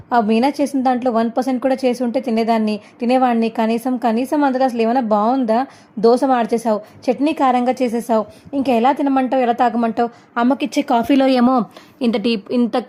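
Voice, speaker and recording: A woman's voice: on the high side, a little mellow, voice pushed up, natural voice. A woman voicing a greedy young husband who whines and defends himself.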